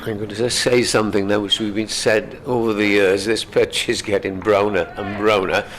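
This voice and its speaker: A man with a gravelly voice giving live cricket commentary in an unhurried, conversational way. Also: lowish voice, flat delivery, a bit bright.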